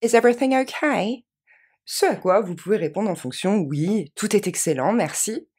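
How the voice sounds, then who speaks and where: A woman teaching English phrases to French speakers, repeating each one slowly and then quickly. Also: lowish voice, expressive, a little mellow, husky. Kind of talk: language lesson with repeated model phrases.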